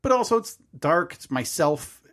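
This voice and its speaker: A man in his thirties co-hosts a podcast and tells a story casually, hesitating and fixing his words frequently as he rambles. His voice is on the high side, sing-song and a bit bright, at a moderate pace.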